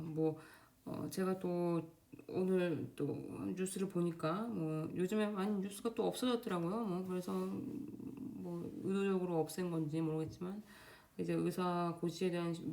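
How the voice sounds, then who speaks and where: A young woman talking casually to camera at home, quick and loose with many fillers and restarts. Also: on the low side, steady tone, mellow. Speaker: Korean doctor in Germany giving exam advice. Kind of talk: casual unscripted vlog talk. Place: home, indoors. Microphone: camera facing speaker.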